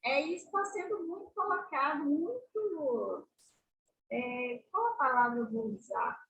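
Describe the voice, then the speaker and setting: A woman's voice: high voice, lively intonation, unhurried, a bit bright, lo-fi sound. A woman teacher asking a question during a video call meeting, hesitant and searching for words. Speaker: teacher in the course. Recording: echoey distant call audio with faint hiss.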